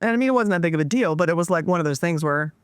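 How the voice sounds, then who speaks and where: Animated woman telling a story. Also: fairly low pitch, racing, clean tone, no room sound. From Washington DC area. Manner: animated, acts out quoted dialogue. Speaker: podcast guest. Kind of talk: casual storytelling.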